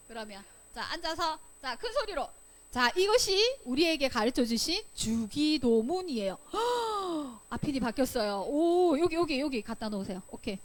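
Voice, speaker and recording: A woman teaching children a Bible lesson in a church Sunday school room. She keeps quizzing the children and acts out her examples with sudden loud bursts. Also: high voice. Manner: playful, quizzing the children with questions.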